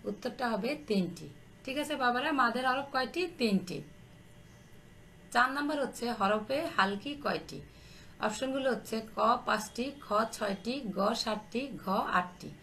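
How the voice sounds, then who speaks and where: A woman teacher giving an online class, reading out quiz answers slowly and repeating them for young pupils to write down. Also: on the high side, pushed and bright, slight background noise. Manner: slow, repetitive dictation, addresses pupils affectionately.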